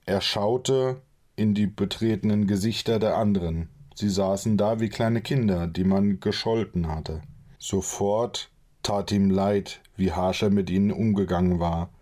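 Dark-voiced male audiobook narrator. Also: fairly low pitch. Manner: calm, measured reading. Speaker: audiobook reader.

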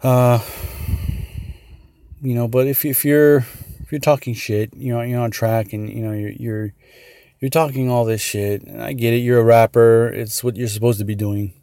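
A man's voice: medium pitch, steady tone, moderate pace, warm tone, no echo. A man talking casually on his own show, circling his points with plenty of ums and restarts. His voice sits in an ordinary middle register. The sound is dry and close, with no room around it. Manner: rambling, many fillers and restarts; earnest, gets worked up. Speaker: podcast host. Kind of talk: casual solo commentary.

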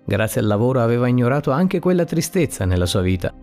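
A man narrating a dramatic story podcast in a steady, plain reading voice. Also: medium pitch, fast talker. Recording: faint background music. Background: soft music.

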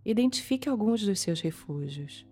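A Brazilian woman leading a guided meditation in a calm, soothing manner, leaving long pauses between short phrases. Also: mid-range voice, slightly rough. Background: soft music.

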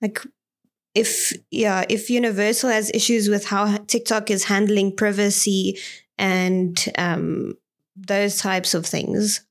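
A woman's voice: mid-range voice, level tone, takes it slowly. A woman co-hosting a casual podcast chat, thoughtful and asking questions. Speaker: podcast co-host.

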